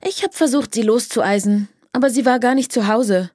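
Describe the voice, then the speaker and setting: Woman doing an eager, high-voiced young girl. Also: moderate pace, darkish tone, no room sound, studio quality, lightly acted. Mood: chatty. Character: chatty excited young girl, lively and bold.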